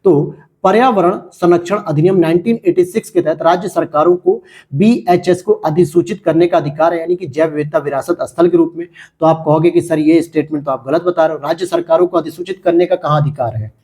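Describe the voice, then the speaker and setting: A man's voice: a little high, brisk, a little mellow. A man teaching and going over test questions, talking straight to students and asking and answering his own questions. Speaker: exam-prep teacher.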